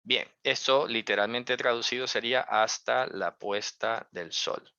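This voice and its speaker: Man with a bright, lo-fi sounding voice. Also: mid-range voice, unhurried, clear, resonant tone, dry recording. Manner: conversational, full of rhetorical questions and check-ins; careful, hedging his own interpretations. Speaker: religious teacher. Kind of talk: explanatory lesson. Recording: dull, dry lo-fi recording.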